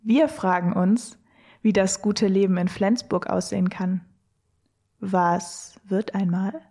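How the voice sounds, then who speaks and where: A woman narrates an audio walk in a soft, mellow voice. She takes her time, letting each poetic line settle. The delivery is scripted and dreamy. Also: medium pitch, slow pace.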